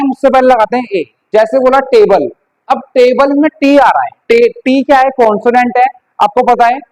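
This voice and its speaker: High-voiced man teaching grammar. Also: a little mellow, rough recording. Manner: asks questions and answers them himself, repeats points. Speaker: English teacher. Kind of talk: classroom grammar lesson.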